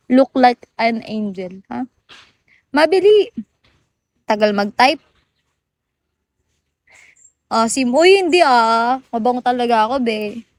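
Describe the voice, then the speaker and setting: A woman's voice: high voice, no echo. A woman from the Philippines hosting a casual phone livestream, chatting playfully with viewers, teasing and laughing often and slipping into English. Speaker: livestream host.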